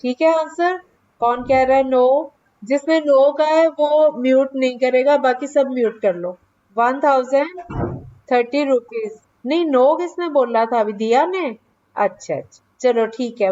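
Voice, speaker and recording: A middle-aged woman teaching a math class online to children, coaxing and scolding students by name in a lively way. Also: high voice. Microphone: online class mic. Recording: dull lo-fi online class audio.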